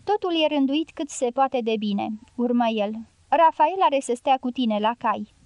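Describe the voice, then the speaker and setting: A woman reads a novel aloud in steady, measured narration, touching the dialogue lightly without full character voices. Her voice sits a little high. The recording is dry and close, with no room sound. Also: dry recording. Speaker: audiobook narrator. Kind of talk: scripted narration.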